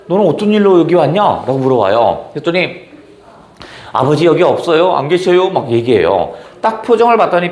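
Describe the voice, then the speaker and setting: A man's voice: a little high, roomy sound. A male teacher explaining a novel in a casual exam-prep lecture, asking and answering his own questions. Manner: reads dialogue aloud in character. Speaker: Korean literature teacher.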